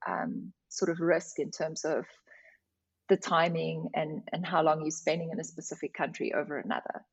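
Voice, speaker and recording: A woman's voice: sits low, flat delivery, normal speed, husky. South African woman, slightly muffled recording. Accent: South African (Afrikaans). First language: Afrikaans. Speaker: company representative, interview guest. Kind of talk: conversational podcast interview answers.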